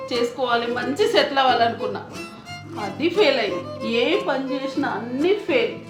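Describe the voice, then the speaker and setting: Sinking village sarpanch lady, an actress doing her, complains bitterly, soft violin music under it. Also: on the high side, lightly acted. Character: indebted, despairing village woman sarpanch. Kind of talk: village comedy drama acting.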